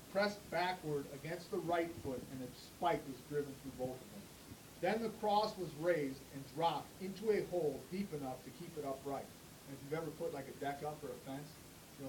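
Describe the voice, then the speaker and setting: A man delivers a motivational pregame pep speech with a preacher's emphasis and colloquial asides. His voice sits a little high. He is recorded at a distance from the mic in an echoey room. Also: fairly quick, noisy background. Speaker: speaker giving a religious pregame pep speech to a football team. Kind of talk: motivational pregame pep speech, part read aloud, part ad-libbed.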